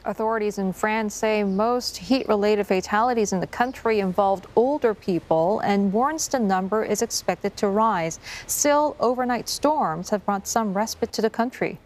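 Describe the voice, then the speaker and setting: A woman's voice: medium pitch, darkish tone. Woman reading the news. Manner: crisp, measured delivery. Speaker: news anchor.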